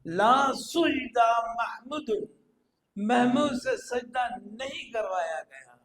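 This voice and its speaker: A man's voice: very high voice, expressive, slow pace, roomy sound, poor audio. A man with an Urdu accent teaching Quranic Arabic grammar in an online class, drilling verb forms aloud and praising his students.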